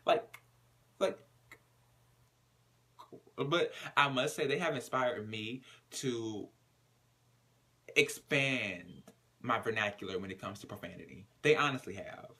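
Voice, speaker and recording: A man's voice: mid-range voice, slow pace, pauses often, pushed and bright. A man casually recapping a reality TV episode, using slang and profanity and retelling scenes with dramatic flair. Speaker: TV recap reviewer.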